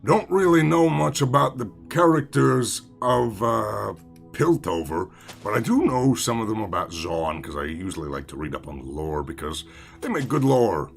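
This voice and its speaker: Rambling gravelly-voiced male streamer. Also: fairly low pitch, sing-song, moderate pace, faint music behind. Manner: rambling, self-mocking, swears casually, answers chat. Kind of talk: casual live-stream chat while gaming.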